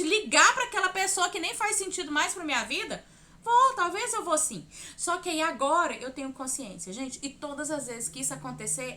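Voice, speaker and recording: A Brazilian woman talks her listeners through a self-help lesson in a high, bright voice. She addresses them directly and expressively, sometimes sinking into soft, hushed asides. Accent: Brazilian Portuguese. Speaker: therapeutic speaker. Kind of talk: motivational self-help talk.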